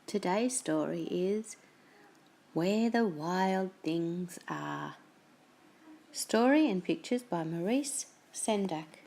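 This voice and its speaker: With lively pitch and an expressive, storytelling style, a woman takes her time reading a children's picture book aloud.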